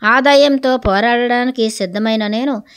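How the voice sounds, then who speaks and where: A woman narrating an audiobook in a steady, measured storytelling manner. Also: on the high side, clean tone.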